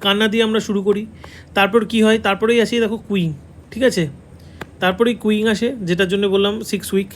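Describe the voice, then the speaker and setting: High-voiced Bengali man teaching a lesson. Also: level tone, quick pace, slight background noise. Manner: repeats key answers, checks in with "ঠিক আছে". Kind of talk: online exam-prep lesson. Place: classroom with a board.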